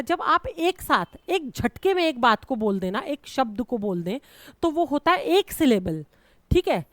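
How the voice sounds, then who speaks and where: A woman's voice: high-pitched, no room sound. A woman teaching English grammar in a classroom-style lesson, explaining rules patiently and repeating key steps, affectionately calling her students "beta".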